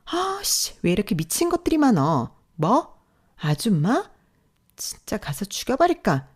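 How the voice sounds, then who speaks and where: A woman voicing a vain, sharp-tongued young married woman who talks in a snippy, scornful way, in a storytelling role-play. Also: medium pitch, sing-song, moderate pace, voice pushed up, close to an everyday voice. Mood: angry.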